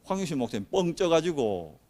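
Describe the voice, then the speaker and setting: A male pastor with a Gyeongsang accent, preaching a sermon as an animated story and acting out the people in it. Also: a little high, fairly quick. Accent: Gyeongsang Korean.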